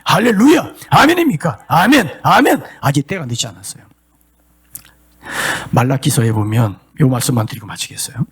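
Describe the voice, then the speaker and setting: A middle-aged male pastor preaching a sermon, shifting from plain talk to impassioned shouts and sung cries. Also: mid-range voice, sing-song, moderate pace, slightly rough.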